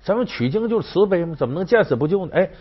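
A man's voice: sits high, animated, very fast, background noise. A man hosting a storytelling commentary, chatty and rhetorical, acting out the characters. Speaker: host. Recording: dull sound with faint music.

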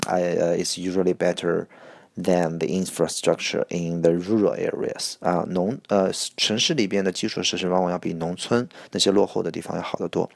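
A man teaching English vocabulary for an exam, repeating each word slowly and explaining it in Chinese. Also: sits low, flat delivery, vocal fry, dry recording. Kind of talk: IELTS vocabulary lesson.

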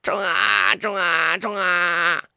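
Man doing a horde of tiny yelling ants. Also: high voice, sing-song, slow pace, clear, resonant tone, no echo, studio quality, voice pushed up, exaggerated voice. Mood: rowdy. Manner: rowdy battle-cry shouting.

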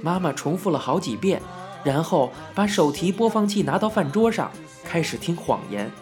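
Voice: medium pitch, expressive, normal speed, darkish tone, faint music behind. An audiobook narrator telling a first-person memoir in a reminiscing storytelling manner, with occasional asides to the listener.

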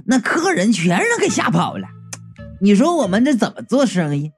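A man's voice: high voice, wildly swooping pitch, moderate pace, darkish tone, soft background music. A man voicing a group of indignant, gossipy middle-aged aunties at a matchmaking agency. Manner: complaining, gossipy.

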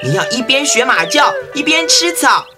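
A woman's voice: high voice, very animated, moderate pace, loud music behind the voice. A woman voicing a spoiled little boy who whines and makes demands in a storybook drama. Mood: gleeful. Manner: whiny, demanding, giggly.

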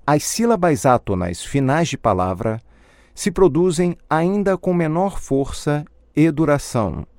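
A man narrating a recorded pronunciation lesson, unhurried and deliberate, his pitch rising and falling freely. The sound is close and dry, with no room around it. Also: expressive, darkish tone, no echo. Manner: measured, explanatory delivery. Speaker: language teacher.

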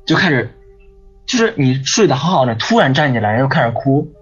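A man with a husky, breathy voice tells a long personal story, circling back and repeating himself. The sound is dull and lo-fi, with faint music underneath. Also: mid-range voice, very animated, fairly quick. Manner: rambling, repeats words, frequent "你知道吗". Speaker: guest. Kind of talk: casual storytelling on a ghost-story podcast.

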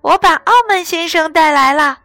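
A woman voicing a tiny mischievous male elf in a storybook reading, high, light and teasing. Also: normal speed, bright, forceful tone, no echo, faint music behind.

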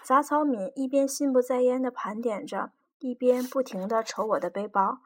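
Woman reading an audiobook, slightly high voice. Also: normal speed, a little mellow. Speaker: audiobook reader. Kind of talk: scripted audiobook narration.

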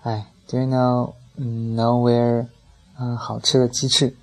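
A man putting on the voice of an overexcited young man who speaks broken English, eager and shouting in bursts. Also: medium pitch, monotone, slow pace, low-quality recording.

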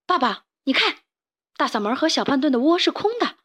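A woman voicing a young rooster chick, eager and quick in a children's storybook. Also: high-pitched, big pitch swings, fairly bright tone.

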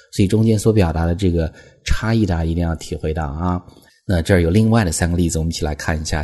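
A man teaching English phrases as a lesson, explaining patiently and reading example sentences slowly. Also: sits low, darkish tone, breathy edge. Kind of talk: language lesson.

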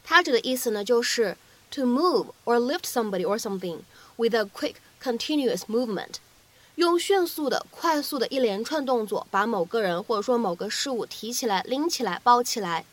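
A woman whose first language is Chinese teaches English pronunciation, explaining each sound and slowly repeating phrases for practice. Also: fairly high pitch, animated, low-quality recording. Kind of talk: explanatory lesson narration.

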